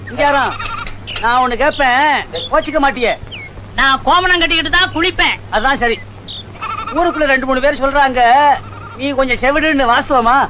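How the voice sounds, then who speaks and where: Man, very high voice, teasing banter, noisy track. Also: normal speed, pauses often. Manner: teasing back-and-forth banter. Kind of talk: comic village dialogue. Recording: noisy recording.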